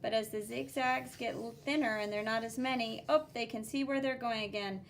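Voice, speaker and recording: Reading a picture book to children, this woman teacher explains each drawing in a plain, expressive, teaching manner, lilting on important words. She speaks a little fast with fairly high pitch and vocal fry, over slight background noise.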